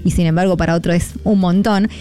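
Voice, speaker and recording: Warm-voiced Argentine woman radio host. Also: fairly low pitch, fairly even intonation, fast, clean tone. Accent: Argentine Spanish. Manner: rambling, hesitant, many fillers, encouraging. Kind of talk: devotional talk on air.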